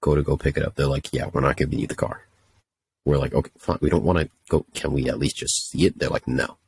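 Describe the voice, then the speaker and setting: Young man, extremely low voice, husky tone, swearing, exasperated casual storytelling. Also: fairly even intonation, quick pace. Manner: profane, exasperated ranting. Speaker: podcast host telling a story.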